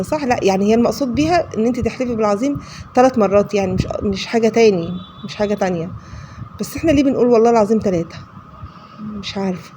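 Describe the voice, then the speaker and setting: A woman's voice: fairly high pitch, mellow, slight background noise. A woman with an Egyptian accent chatting casually while cooking at home, rambling and self-deprecating, with frequent prayers. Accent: Egyptian Arabic. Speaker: vlogger, housewife. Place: home kitchen.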